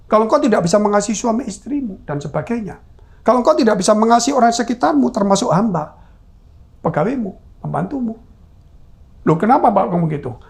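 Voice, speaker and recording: A man preaching a sermon in a church. His voice leaps from calm, low teaching into sudden high exclamations, and he slips jokes into the message. He goes on to lead a steady closing prayer. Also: gravelly. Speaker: pastor.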